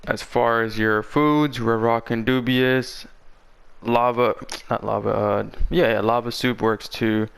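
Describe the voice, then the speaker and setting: A man's voice: medium pitch, steady tone, unhurried, vocal fry, clean tone. A man talking casually and in slang as he presents a game build guide, his voice a little parched from being sick. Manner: informal, slangy talk.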